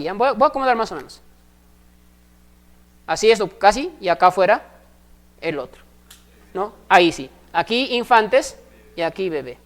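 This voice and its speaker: A woman, teaching a recorded math class step by step and often pausing to ask if her students follow. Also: medium pitch. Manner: explains step by step, constantly checking in with short questions.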